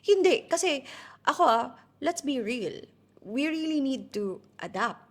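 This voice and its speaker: A woman teacher from the Philippines with a loud, strong voice, chatting in an interview, lively, laughing easily and mixing English into her talk. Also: high voice, unhurried. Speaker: teacher guest. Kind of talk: casual interview chat.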